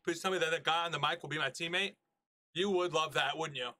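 Streaming a shooter game, a man jokes around and chats playfully with his viewers in casual gameplay commentary. His fairly high voice comes out fast, bright, and pushed.

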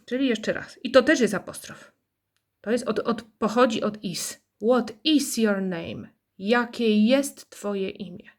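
A woman's voice: fairly high pitch, slow. A woman teaching English to young children in a recorded lesson. She explains patiently, tells playful little stories and has the class repeat after her.

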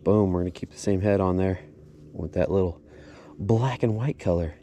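A man's voice: moderate pace, dark tone, slight background noise. Laid-back man fishing on a lake. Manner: laid-back, upbeat, says "boom" a lot. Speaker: fishing channel host. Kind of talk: casual fishing commentary. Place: outdoors on a boat on a lake. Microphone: action camera on the boat.

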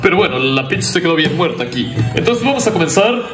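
Animated, high-voiced man reviewing toys. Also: fast talker. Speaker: toy reviewer. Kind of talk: casual toy review narration. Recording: roomy echo, music behind. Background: music.

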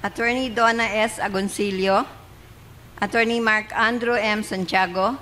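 A middle-aged Filipino-accented woman reads a formal roll as clerk of court. Her pitch is average for a woman, and she enunciates each name deliberately. Faint noise of the hall sits behind her. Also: steady tone, bright, forceful tone. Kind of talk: formal roll call, reading case titles and names aloud.

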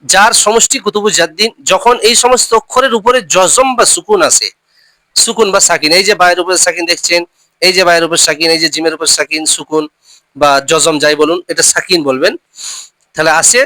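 A man teaching a recitation lesson. He spells out letters and syllables slowly, repeats them, and keeps reminding listeners to remember the rules. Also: sits high, fairly even intonation, sharp tone, no room sound, rough recording.

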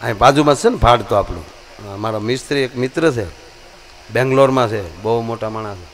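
A Gujarati dayro storyteller from Gujarat, India, performs comic folk stories live on stage, changing his voice for each character. His voice is medium-pitched and a little fast, with slight background noise.

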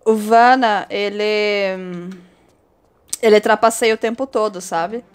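A woman with a Brazilian Portuguese accent giving casual, expressive commentary over her own gameplay, chatty and quick to swear. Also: mid-range voice, clean tone, soft background music. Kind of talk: casual let's-play commentary.

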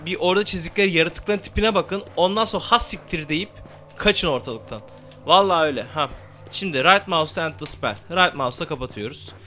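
A young man commentating a game he plays, swearing freely and shouting spell words into his mic. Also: fairly high pitch, fairly quick, a little hiss or hum. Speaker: gameplay commentator. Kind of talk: let's play commentary.

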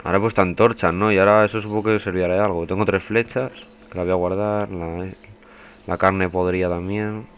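A man's voice: low voice, steady tone, brisk, a little hiss or hum. A young man giving casual, swearing let's play commentary as a gaming youtuber. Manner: swearing, chatty, bursts into panicked yelling.

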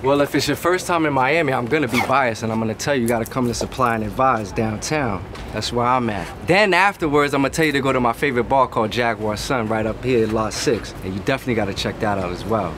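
A man's voice: mid-range voice, fast talker, few pauses, background noise. Confident man from New York City. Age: 30s. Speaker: menswear specialist and curator. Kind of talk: interview monologue. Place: outdoors on a street.

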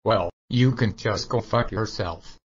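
A man's voice: on the low side, measured pace, breathy edge. A man voicing a foul-mouthed, hostile old grandpa in a cartoon, on a dull lo-fi recording. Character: cursing cranky old grandpa.

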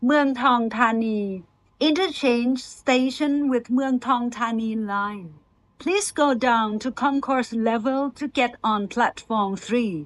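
This is a prerecorded bilingual transit announcement read formally by a woman. Her voice is high and clear, her delivery slow and courteous, and her phrases come at even intervals. The audio is dry and close-miked, without any reverb.

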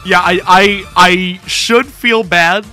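A man in his thirties with a Long Island accent, bantering casually through a game in an excitable, dramatic, sweary way, close to the microphone. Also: sits high, slow pace, faint music behind. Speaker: gaming challenge player. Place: small indoor room with a drum kit. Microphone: close boom-arm microphone.

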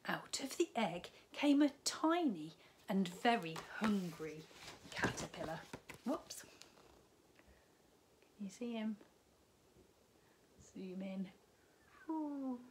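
With a faint hiss or hum in the recording, a woman of medium pitch gives a storytime reading of a picture book for children. She's a primary school teacher at home in her living room, reading slowly and expressively and rising lively on key words.

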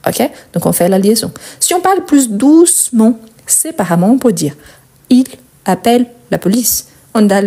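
Mellow, husky-voiced woman teaching French. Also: mid-range voice. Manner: explains slowly, stretches and stresses example words, asks "Ok?". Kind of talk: conjugation lesson.

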